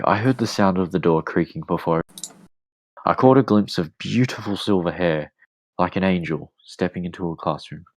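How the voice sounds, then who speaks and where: Deep-voiced man reading a story. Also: low-quality recording. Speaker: podcast host. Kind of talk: reading a romance story aloud.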